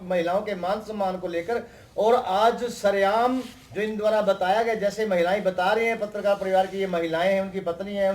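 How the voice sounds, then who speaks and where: A male field reporter with a fairly high voice delivers a solemn news wrap-up to camera and condemns what happened. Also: a little mellow.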